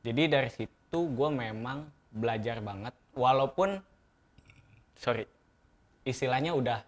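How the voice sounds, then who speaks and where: A man's voice: medium pitch, a little slow. A man with an Indonesian accent chatting casually as an interview guest, with a lisp that blurs his r sounds. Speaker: barista competition champion, interview guest. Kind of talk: casual chat.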